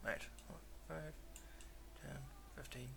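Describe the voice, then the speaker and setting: A man's voice: slow, sharp tone, a little hiss or hum. A man playing a tabletop game, asking lots of questions and swearing when surprised. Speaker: player. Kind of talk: tabletop game play, casual chat.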